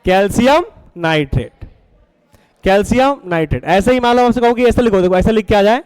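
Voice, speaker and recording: Man, classroom chemistry teacher, coaxing and quizzing, clear and dry. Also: sits high, animated, fairly quick, a little mellow, no room sound, poor audio. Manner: coaxing, asks the class questions and repeats answers. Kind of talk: classroom lecture.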